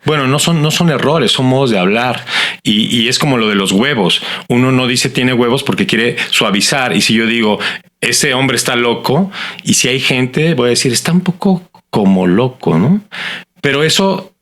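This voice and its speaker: A middle-aged man with a Mexican Spanish accent, speaking as a guest in a conversational interview. He talks reflectively and keeps checking in with a quick tag question. His voice sits at an ordinary middle pitch. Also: expressive, a bit bright. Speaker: guest, writer and teacher.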